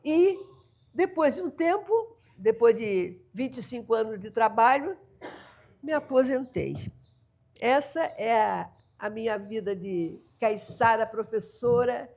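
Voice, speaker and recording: Speaking slowly at a fairly high pitch, this older caiçara storyteller from the São Paulo coast, Brazil, tells folk tales as a guest in an interview. Her Brazilian Portuguese delivery is lively and full of laughter, acting out family members' dialogue.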